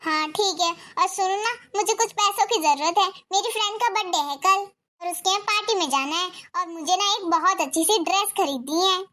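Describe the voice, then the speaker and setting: A woman's voice: very high-pitched, brisk, sharp tone. A woman voicing a resentful young wife in a cartoon story, scolding and demanding. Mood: pleased.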